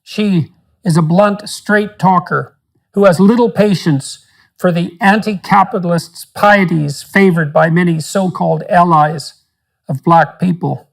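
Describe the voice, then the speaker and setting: A man hosting an interview podcast, introducing his guest and asking measured, thoughtful questions. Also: high voice, gravelly. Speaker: podcast host.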